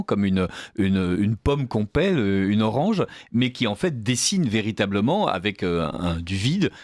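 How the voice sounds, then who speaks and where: A man's voice: fairly low pitch, no echo, studio quality. A man hosting a radio interview, asking long questions full of fillers. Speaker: radio host.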